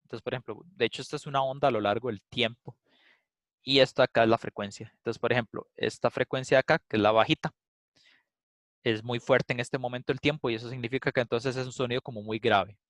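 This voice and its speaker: A man's voice: medium pitch, steady tone, fast talker, a bit bright, dry recording. A man giving a casual, explanatory class lecture, thinking aloud with frequent "eh" fillers. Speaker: instructor. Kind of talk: recorded class lecture with live demo.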